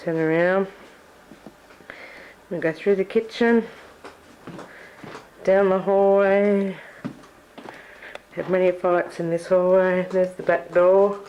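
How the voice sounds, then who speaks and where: Brief: Australian woman, unhurried, chatty, home-camcorder walkthrough of the house she grew up in. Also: fairly low pitch, steady tone, dull audio, slight background noise. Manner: reminiscing, chatty narration while walking. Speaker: family member giving a home tour. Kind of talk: casual home-video walkthrough. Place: family house and backyard. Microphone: camcorder microphone.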